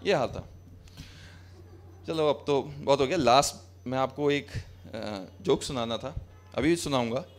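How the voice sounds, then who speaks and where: With soft background music playing, a young man at medium pitch delivers a stand-up set at a measured pace with long pauses. He's live on a small cafe stage with a handheld mic, talking to the audience sarcastically and conversationally while switching between Hindi and English.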